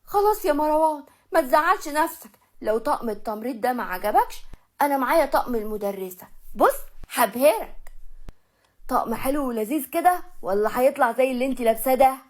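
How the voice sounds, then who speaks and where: A woman voicing a brash, teasing young peasant bride with an Egyptian accent and a loud, singsong manner. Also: high-pitched, animated, fast. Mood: playful.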